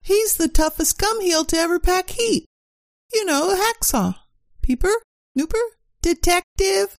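A sassy secretary who loves to give orders. Her voice is very high and creaky, recorded dry. She throws slang around in comic radio-play style. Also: lively intonation, a little slow, dry recording, full character voice. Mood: breezy. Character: bossy, sassy female secretary steeped in detective slang.

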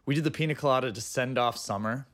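A man's voice: mid-range voice, quick pace, fairly bright tone. A man co-hosting a podcast about drinks and music, chatting casually and enthusiastically about a favorite movie. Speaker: podcast co-host.

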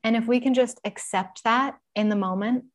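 A woman with a fairly high voice talks as a podcast guest in casual conversation. She is animated and laughs often, lifting her voice for emphasis and dropping it low and soft when she turns reflective. A touch of the sniffles sits in her voice. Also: moderate pace. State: mild sniffles.

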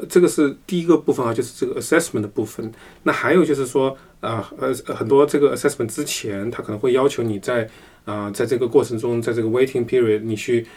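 A man's voice: medium pitch, a little mellow. A man as a podcast guest in a casual discussion, talking through ideas patiently and explaining step by step.

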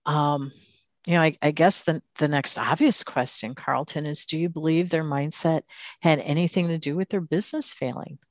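A woman's voice: low-pitched, normal speed, no room sound, clean studio sound. A woman hosting a podcast interview, asking curious questions and laughing easily. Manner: warm, inquisitive, laughs easily. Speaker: podcast host.

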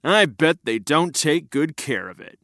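A storyteller voicing a male town guard who mutters disapproving remarks in a lower voice. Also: sing-song, unhurried, fairly bright tone, no room sound, clean studio sound. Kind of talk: storybook read-aloud.

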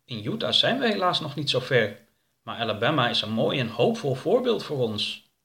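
A man's voice: mid-range voice, very animated, normal speed, vocal fry, a bit bright. A man voicing an eager, admiring woman politician in a storybook reading.

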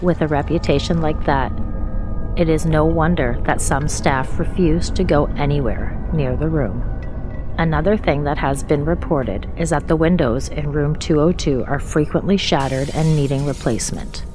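Female narrator for haunted-history storytelling, low register, measured scripted read, music underneath. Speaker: narrator of haunted-place stories. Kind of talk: scripted documentary-style ghost story narration.

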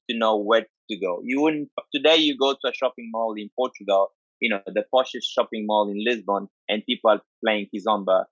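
A man's voice: on the low side, a bit bright, dry recording, highs cut off. A man with an Angolan accent gives an informal, conversational explanation, stressing points by repeating and listing. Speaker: dance culture speaker.

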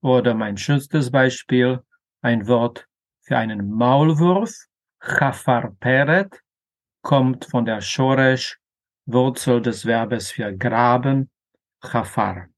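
A man explaining grammar in a careful lecture, pronouncing example words slowly and deliberately, with an occasional filler. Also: mid-range voice. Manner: slow, deliberate, careful pronunciation of Hebrew terms. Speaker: language teacher.

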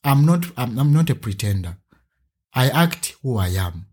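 Man from Uganda, husky voice, lively storytelling guest. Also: moderate pace. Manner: animated storyteller, acts out a child's voice with a higher pitch. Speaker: teacher and podcast guest. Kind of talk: conversational interview.

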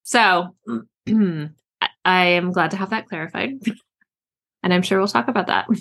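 Woman co-host, lowish but sharp, bright tone, bubbly and chatty. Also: unhurried, creaky. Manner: bubbly, filler-heavy, giggly. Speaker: podcast co-host, author. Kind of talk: casual chat.

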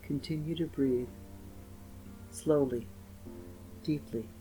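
A man narrating a scripted guided meditation in a slow, gentle, soothing manner with pauses. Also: on the high side, low-quality recording. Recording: voice over meditation music. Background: soft instrumental music with guitar.

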